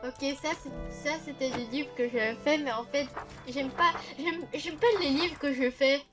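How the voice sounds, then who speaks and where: A woman's voice: high-pitched, steady tone, moderate pace, over music. A woman chatting casually while playing a video game with her sister, goofy and playful, making silly noises. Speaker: let's play gamer. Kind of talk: casual gaming chat.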